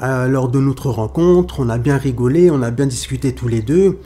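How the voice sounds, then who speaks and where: A man's voice: mid-range voice, moderate pace, dark tone, close to an everyday voice. A man voicing a young woman who hopes to marry, speaking in a chatty, plain-spoken way. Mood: hurt. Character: young woman, hopeful then heartbroken bride-to-be.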